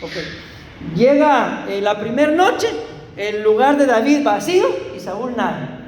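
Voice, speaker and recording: High-voiced Costa Rican pastor preaching. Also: male voice, lively intonation, unhurried, a little mellow, slight background noise. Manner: storytelling, laughing, addressing congregation as beloved brothers. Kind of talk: sermon. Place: church hall. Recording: echoey church hall, faint ambience.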